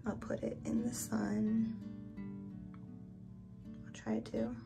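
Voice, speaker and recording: A woman filming a casual vlog, talking excitedly to her viewers and often saying "you guys.". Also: a little high, slow pace, creaky, roomy sound, whispered, over music. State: out of breath. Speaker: vlogger. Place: home bathroom.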